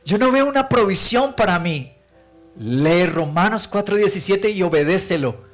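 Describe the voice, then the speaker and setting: A male pastor preaches with emphatic force and piles up rhetorical questions. He tells his stories vividly in a fairly high voice. Faint instrumental music sits under his words. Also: lively intonation, normal speed. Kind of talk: sermon.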